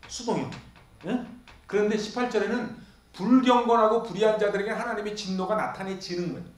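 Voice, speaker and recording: A male pastor preaching an expository sermon, firing questions at the congregation and answering them himself. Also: high voice. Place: church sanctuary. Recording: echoey church hall.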